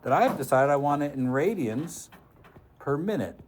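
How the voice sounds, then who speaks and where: A man's voice: a little high, animated, moderate pace, a little hiss or hum. A man teaching a physics class, joking with students while talking step by step through a worked example. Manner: joking, chatty, talks through arithmetic step by step. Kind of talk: classroom lecture, working an example.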